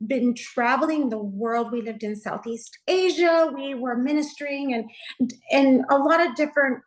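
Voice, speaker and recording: A middle-aged woman pastor from Texas gives her personal testimony in an interview, speaking earnestly and from the heart and saying "you know" a lot. Her voice sits high and moves a little slowly, and the recording is rough.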